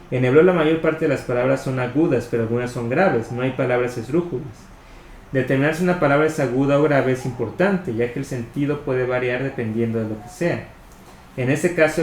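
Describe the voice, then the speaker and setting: Man, mid pitch, measured explanatory reader of a study text, roomy echo. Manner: measured, explanatory, spells out Hebrew terms. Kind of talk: reading a commentary aloud. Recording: echoey room with faint noise.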